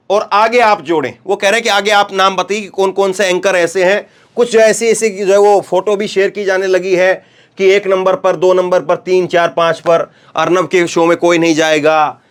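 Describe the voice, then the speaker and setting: A man with a high voice gives news commentary in a conversational tone. He talks straight to his viewers and asks them what they think. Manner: conversational, addresses viewers directly.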